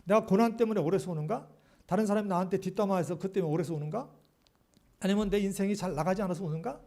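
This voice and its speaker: A man's voice: sits high, warm tone. A male pastor preaching a sermon, speaking animatedly to the congregation and often asking rhetorical questions.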